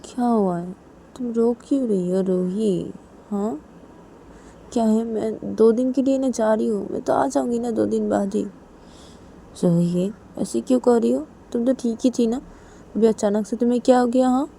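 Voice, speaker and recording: A woman's voice: fairly high pitch, fairly even intonation, normal speed, vocal fry, dark tone, a little hiss or hum, pitched above the performer's own voice. A woman doing an anxious pleading young woman. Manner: pleading, repeats questions. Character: young woman, anxious, coaxing her tearful partner.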